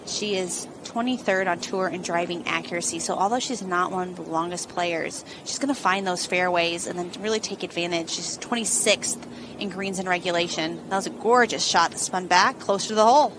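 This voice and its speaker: A woman's voice: on the low side, fairly quick. A woman giving live golf commentary as an analyst, explaining shots in a conversational way. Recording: outdoor course ambience noise behind voice.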